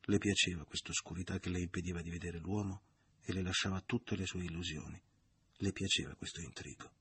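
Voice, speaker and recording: Very husky, deep-voiced man reading a novel. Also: fairly even intonation, fairly bright tone, no echo. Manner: measured, literary. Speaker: narrator.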